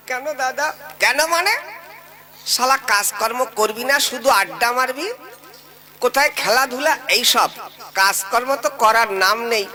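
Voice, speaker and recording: A man's voice: sits high, bright, forceful tone. A man performing a comic sketch as a henpecked husband, with a wry, self-mocking, joking manner.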